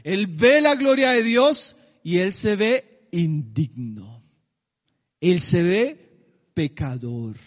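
A man delivers a sermon in a strikingly high voice, stretching out his key phrases for weight. He keeps turning to the congregation with questions. The sound is dull and muffled, with a long echo trailing off in a large hall. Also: expressive. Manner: slows to a drawn-out, emphatic cadence on key phrases; addresses the congregation with rhetorical questions. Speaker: preacher.

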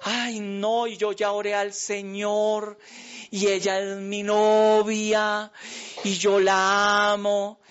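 A man's voice: sits high, monotone, takes it slowly, a bit bright, lo-fi sound, a little hiss or hum, pitched above the performer's own voice. A man voicing a lovestruck young man who is eager and naive. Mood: smitten.

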